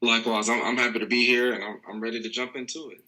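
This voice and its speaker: A man's voice: medium pitch, level tone, fast, sharp tone, poor audio. A man from Tennessee, a podcast guest who talks in a friendly way with hesitant fillers. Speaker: interview guest, nonprofit vice chair. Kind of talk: casual interview chat.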